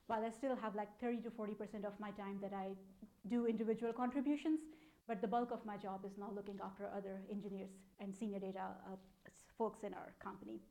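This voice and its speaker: Delivering an informal conference talk, a data analytics program manager in her thirties explains things conversationally in a Pakistani accent. She speaks fast with a medium pitch, fairly even intonation and a warm tone.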